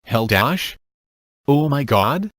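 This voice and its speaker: A man voicing an unhinged young woman who shrieks in sudden outbursts, in a dark comic storybook reading. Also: mid-range voice, sing-song, slow pace, no room sound, studio quality. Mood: alarmed.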